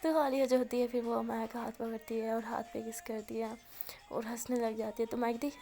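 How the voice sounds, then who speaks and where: A woman's voice: a little high, level tone, a little fast, mellow. A young woman chatting through a love story as a storyteller, mixing in English words. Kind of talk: casual story narration.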